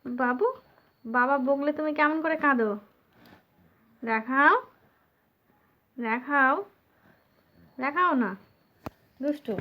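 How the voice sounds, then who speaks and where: A woman's voice: high-pitched, takes it slowly, long pauses, muffled recording. A woman filming her small child, coaxing her with sweet, repetitive questions in baby talk. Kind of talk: coaxing a toddler on camera.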